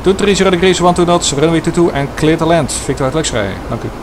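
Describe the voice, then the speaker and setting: Pilot on cockpit headset, man, brisk radio calls. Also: on the high side, animated. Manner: brisk aviation phraseology. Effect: pilot speaking through a cockpit headset. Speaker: airline pilot. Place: airliner cockpit. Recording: loud cockpit hum behind the voice.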